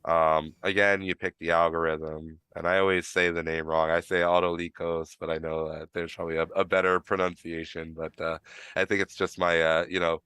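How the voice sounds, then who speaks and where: A man's voice: deep voice, little pitch movement, a little fast, bright, forceful tone, smooth, no echo, clean studio sound. A man with a New York accent, tinged with Florida, hosting a live stream and explaining things in a rambling, casual way full of fillers and restarts. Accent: New York, with some Florida.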